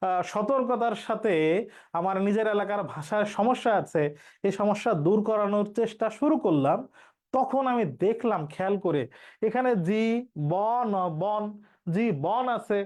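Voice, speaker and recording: A man's voice: high-pitched, lively intonation, a little fast, darkish tone. A male teacher, explaining pronunciation rules step by step and repeating each key point for his students. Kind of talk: online exam-prep lesson.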